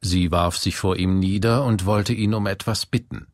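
A man reading scripture aloud in a slow, solemn way. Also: low-pitched, steady tone, dry recording, studio quality. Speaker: scripture reader.

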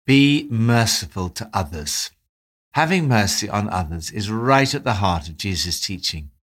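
A man giving a devotional talk, reading Bible passages and reflecting on them in a calm, measured way. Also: on the low side. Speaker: devotional presenter.

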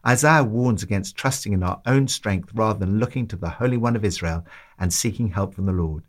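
A man reads a devotional commentary aloud, taking his time and stressing each point. His voice sits in an ordinary middle pitch. The delivery is calm and deliberate. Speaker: devotional reader.

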